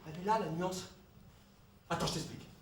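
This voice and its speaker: A man's voice: high-pitched, fairly quick. A man in a comedy sketch dialogue, talking in an insistent, explaining way and laughing easily. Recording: echoey room, distant mic.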